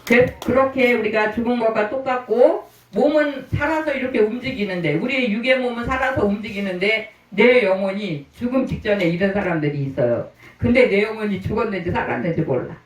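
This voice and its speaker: A man's voice: high-pitched, fairly quick. Man pastor preaching, keeps asking the congregation questions, roomy church, mic kinda far. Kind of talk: sermon. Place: church sanctuary.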